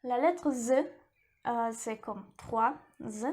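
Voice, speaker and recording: A woman teaching a lesson in French, repeating each word slowly and carefully. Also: a little high, a little mellow, soft background music. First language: Russian. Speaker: language teacher.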